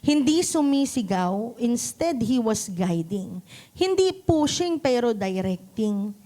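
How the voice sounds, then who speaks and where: Filipino woman pastor, high voice, lively sermon to a church, keeps asking the room questions. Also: takes it slowly. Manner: asks the congregation questions often; acts out quotes in voices. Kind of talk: Taglish sermon. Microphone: handheld mic.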